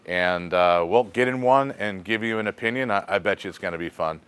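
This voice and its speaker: Low-voiced man hosting casual shop talk. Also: fairly quick, clean tone. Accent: American. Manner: relaxed, thinking aloud with fillers. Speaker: host of a shop question segment.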